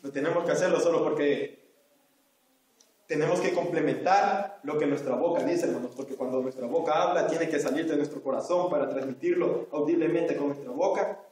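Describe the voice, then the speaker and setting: In a very echoey church hall, a man from El Salvador preaches a Sunday school sermon, his voice coming from far off. He speaks briskly in a fairly high but darkish tone with a Salvadoran Spanish accent. Earnest and repetitive, he addresses the people as his brothers.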